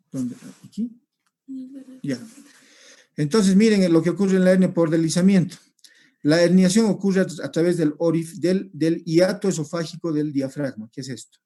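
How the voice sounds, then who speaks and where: A man giving a recorded medical lecture over slides, explaining step by step and often checking with a quick "¿sí?". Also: a little high, mellow. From Peru. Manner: explanatory, repeats points, checks with rhetorical "¿sí?".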